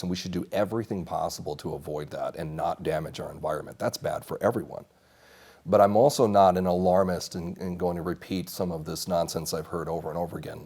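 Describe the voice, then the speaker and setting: Seated on a small TV studio set, a man in his thirties who grew up in Mexico answers interview questions as a congressional candidate. His voice is low and warm, his replies are earnest and assertive, and he frequently starts sentences over.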